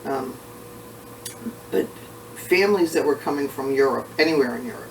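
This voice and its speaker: A man who is short of breath, talking casually and haltingly with frequent pauses as he recalls family history in an oral history interview. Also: medium pitch. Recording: roomy, distant mic, faint background noise.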